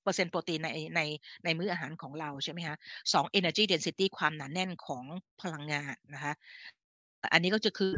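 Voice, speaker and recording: In a casual live health talk, a woman addresses listeners like an older sister, chatting with fillers and frequent mid-sentence corrections. Her voice sits low and sounds pushed and bright, at normal speed with no echo.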